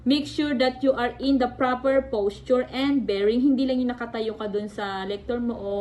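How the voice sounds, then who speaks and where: A woman's voice: a little high, fairly even intonation, moderate pace, darkish tone, poor audio. A young Filipino woman with a Filipino accent, giving a class report online, explaining step by step and switching between Tagalog and English. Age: young adult. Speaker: student presenter. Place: at home on an online class call.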